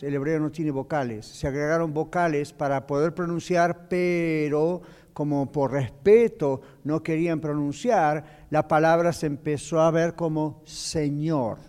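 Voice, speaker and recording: A man leads a Bible class with a fairly high voice, explaining step by step and dropping in the odd English phrase. His voice rings with a long reverb from a large church hall. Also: measured pace, darkish tone, clean tone. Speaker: pastor teaching a Bible class. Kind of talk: Bible class teaching with questions from the floor.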